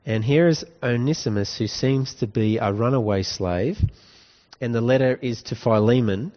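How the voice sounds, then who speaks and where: A male pastor giving a conversational sermon, often asking the congregation questions. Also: mid-range voice. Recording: dull recording with long hall reverb.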